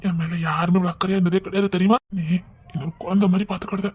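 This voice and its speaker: A woman with a Tirunelveli accent playing a rough young man who talks tenderly and earnestly to his lover. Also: fairly low pitch, fairly even intonation, rapid-fire, a little mellow, muffled recording. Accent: Tirunelveli Tamil. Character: young man Vicky, rough rowdy with a soft heart. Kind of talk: web series drama.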